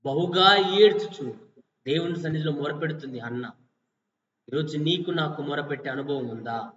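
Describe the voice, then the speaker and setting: A man preaching a fasting-prayer sermon, firing repetitive rhetorical questions at listeners and swinging between loud exhortation and quiet passages. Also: a little high. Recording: distant, echoey, dull lo-fi.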